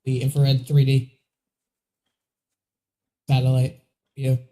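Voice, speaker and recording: Male livestream weather co-host, medium pitch, casual conversational delivery with an explanatory bent. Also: completely flat delivery, slow pace, dark tone. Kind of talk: casual live storm commentary.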